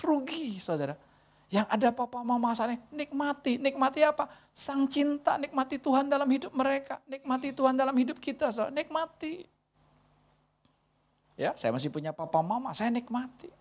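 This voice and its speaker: This is a pastor in her forties with a high-pitched voice and a moderate pace. She delivers a lively, conversational sermon, acting out the dialogue she quotes.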